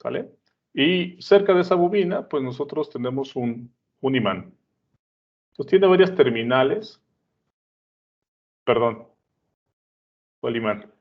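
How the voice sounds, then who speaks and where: A man's voice: medium pitch, animated, takes it slowly, pauses often. Guy teaching at a board, chatty, keeps checking you follow, kinda muffled audio. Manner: conversational, checks in with "¿sale?" and "¿no?". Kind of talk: explaining at a whiteboard. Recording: dull lo-fi sound.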